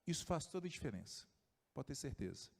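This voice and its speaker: A man preaching a sermon as pastor, telling stories and dropping his voice low and soft for the people he quotes. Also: big pitch swings, fairly quick, gravelly. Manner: storytelling, voice drops low and soft for quoted figures. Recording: long church reverb.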